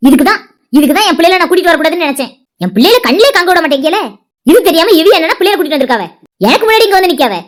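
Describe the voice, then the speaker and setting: A protective young village mother argues in a Tirunelveli accent, as a woman voices her in a cartoon. Her voice sits very high and moves fast. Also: animated, faint music behind. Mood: indignant. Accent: Tirunelveli Tamil. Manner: argumentative, protective. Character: quarrelsome young mother, daughter-in-law.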